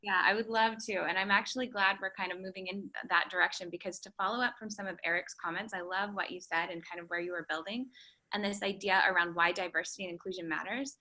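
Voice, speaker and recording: Bright, emphatic woman panelist. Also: medium pitch, steady tone, fast talker, rough recording. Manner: enthusiastic, emphatic. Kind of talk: webinar panel talk. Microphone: video call.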